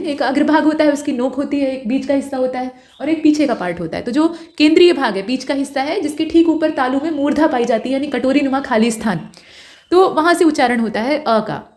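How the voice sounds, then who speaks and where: High-voiced woman teaching a grammar lesson. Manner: explains patiently, checks understanding with "ठीक है"; sounds out vowels and letters slowly as examples. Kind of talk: online exam-prep lesson.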